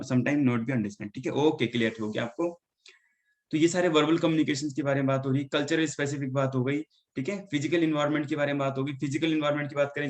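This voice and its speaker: A male teacher giving an online class lecture, mixing Hindi and English and often checking in with the students. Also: medium pitch. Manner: mixes Hindi and English, keeps asking "ठीक है?". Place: indoor room.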